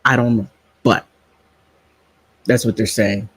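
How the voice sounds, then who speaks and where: A man's voice: lowish voice, steady tone, slow, breathy edge, dry recording, low-quality recording. A middle-aged man chatting in a casual vlog, sassy and digressive, wandering off topic and back. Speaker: vlogger.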